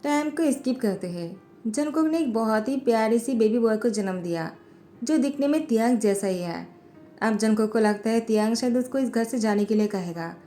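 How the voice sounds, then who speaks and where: Brief: woman storyteller with a fairly high, mellow voice and steady voiceover narration. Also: normal speed. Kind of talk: fan fiction story voiceover. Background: faint background music.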